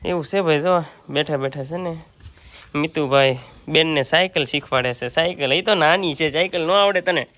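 A woman's voice: low voice, normal speed, a bit bright. A woman from Gujarat, India, narrating a casual family vlog in a chatty way, coaxing a child to talk. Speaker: vlogger.

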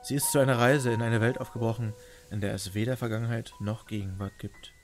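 A man with a middle-pitched voice reads a game's story text aloud. He delivers it as dramatic storytelling narration, with music clearly playing behind him. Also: level tone, fairly quick. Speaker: gamer reading game story aloud.

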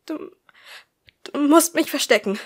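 A woman reading an audiobook, voicing an excited, breathless teenage girl who is bossy and cheerful. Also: fairly high pitch, moderate pace. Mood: panicked. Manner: loud and eager.

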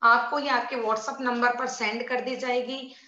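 A woman teacher giving an online class, going through exercise answers slowly and clearly for her pupils. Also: fairly high pitch, little pitch movement, bright, forceful tone. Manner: slow, deliberate, repeating answers clearly for pupils. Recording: echoey, dull lo-fi room recording.

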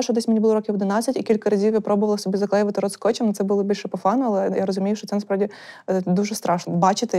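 A young woman talks as a guest in a candid chat, words tumbling out at great speed. Her tone is mellow and soft-edged, and she tells her stories in a lively, chatty way. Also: mid-range voice. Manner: rapid, chatty, animated storytelling.

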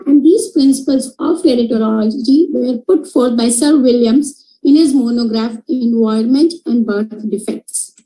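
A middle-aged woman with a North Indian accent lectures over a video call. Her voice sits very high, yet has a soft, dark tone rather than a sharp one. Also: measured pace, few pauses, low-quality recording. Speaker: gynecologist giving a webinar lecture. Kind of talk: slide lecture. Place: indoor room, video call.

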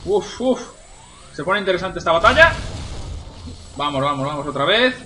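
A man doing let's-play commentary at home, excitable, swearing and shouting at enemies. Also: sits high, moderate pace, slight background noise. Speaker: gamer.

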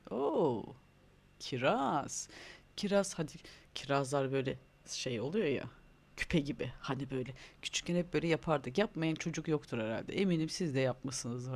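A man teaching English words to young children in a recorded online lesson, speaking with a Turkish accent and warmly prompting them to repeat after him. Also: mid-range voice, animated, moderate pace, creaky. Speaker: primary school English teacher.

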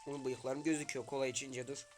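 Man chattering over a game, bursting out loud. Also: mid-range voice, little pitch movement, racing, faint music behind. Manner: talks to game characters, loud sudden outbursts. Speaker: gaming streamer. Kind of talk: casual game commentary.

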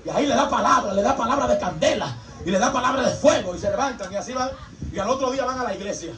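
High-voiced preacher in an echoey hall. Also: male voice, fast talker, a little hiss or hum. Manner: animated, acts out congregants' voices. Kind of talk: sermon. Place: church hall. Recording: echoey hall from far off with music.

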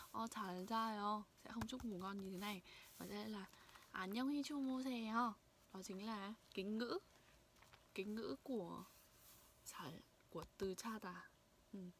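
Young woman from vietnam teaching phrases, says them over and over, faint hiss behind. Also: mid-range voice. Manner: repeats phrases slowly, demonstrating pronunciation. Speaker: language teacher. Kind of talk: casual language lesson. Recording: faint background noise.

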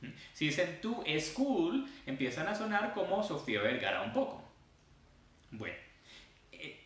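A man teaching English pronunciation, speaking slowly and stretching sounds out to demonstrate them. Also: medium pitch. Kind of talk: casual online lesson. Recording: very echoey room.

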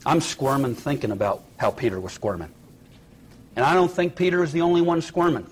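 A man delivering a sermon in a dramatic storytelling way. His voice leaps high for emphasis, then sinks low and quiet for tender moments. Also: brisk, breathy edge. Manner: dramatic retelling with acted quotes, rising and dropping to a hush. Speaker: preacher.

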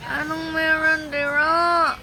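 Playful high-voiced woman teasing her cat. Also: flat delivery, slow pace, background noise. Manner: playful, teasing baby talk to a cat, bursts of laughing and loud off-key singing. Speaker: vlogger talking to her pet cat. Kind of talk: casual chat and playful singing to a pet.

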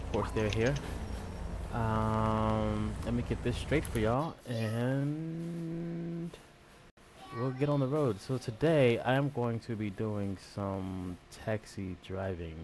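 A man's voice: lowish voice, slow pace, noisy background. A man streaming a driving game, talking casually to his viewers and friends with lots of fillers and slang. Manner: laid-back slangy talk with frequent fillers. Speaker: streamer and server owner. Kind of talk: casual gaming stream chat.

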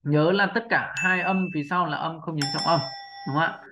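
Patient man teaching pronunciation, slightly high. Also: background noise. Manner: patient, repeats sounds slowly, asks for agreement. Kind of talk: spoken lesson.

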